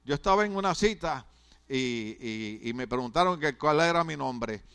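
A man's voice: mid-range voice, animated, moderate pace, fairly bright tone, clear, resonant tone. A man, a pastor preaching a sermon in a conversational, humorous way, often stammering and restarting his words.

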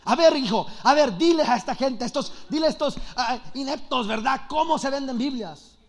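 A man preaching while voicing an emotional, excitable male pastor who pleads and commands. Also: very high voice, normal speed. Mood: commanding.

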